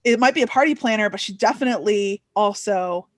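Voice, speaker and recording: A woman's voice: medium pitch, brisk, no echo, clean studio sound. A young woman hosting a casual book chat, talking with lots of fillers and putting on playful voices when quoting. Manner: chatty, many "like" fillers, playful quoted voices. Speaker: booktuber host.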